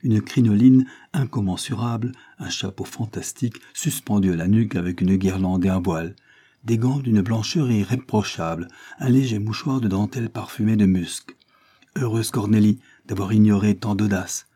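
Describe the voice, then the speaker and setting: A man reads a classic novel aloud in a low, mellow voice with a husky edge. His delivery is measured and expressive. He puts on the characters' voices while keeping the narration plain. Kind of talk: audiobook narration.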